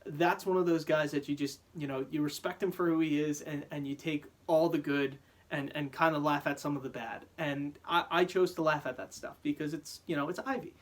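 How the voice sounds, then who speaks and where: A man's voice: a little high, fairly even intonation, a little fast, hardly any pauses. Profane, stammering man ranting heatedly. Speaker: vlogger. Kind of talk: angry rant to camera.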